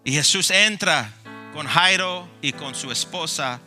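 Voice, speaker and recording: A male pastor preaching a sermon, telling the story dramatically and swinging between loud passion and hushed tones. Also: a little high, measured pace, soft background music.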